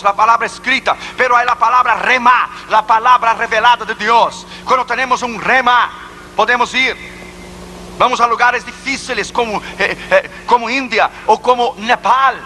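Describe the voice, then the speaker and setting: Bright high-voiced male preacher. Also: a little hiss or hum, low-quality recording. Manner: emphatic, rhetorical questions. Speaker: evangelist preacher. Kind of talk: sermon.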